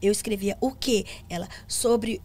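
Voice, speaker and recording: On a podcast, a middle-aged gospel singer and pastor recounts her personal testimony with earnest storytelling, voicing the dialogue herself. She speaks at a measured pace in a medium pitch with a dark tone.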